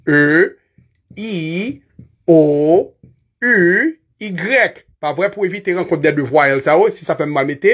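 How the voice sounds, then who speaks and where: A man with a Haitian accent teaching English in a loose, chatty lesson. His voice sits high and swings up and down a lot, with a husky edge. He laughs often and spells words out letter by letter. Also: fairly bright tone. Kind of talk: casual online lesson.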